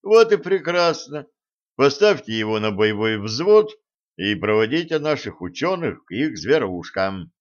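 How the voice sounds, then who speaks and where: A man's voice: medium pitch, very animated, measured pace. A man voicing a dry, ironic space pirate captain in an audiobook. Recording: dull lo-fi recording.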